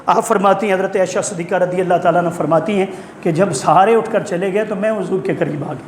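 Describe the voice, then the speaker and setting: A male preacher delivers an impassioned sermon in a very high, piercing voice. He climbs to fervent shouts and keeps calling out for replies. The sound rings through an echoey hall over a faint hiss. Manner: fervent, rising to shouts, calls for congregation replies. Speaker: Islamic preacher.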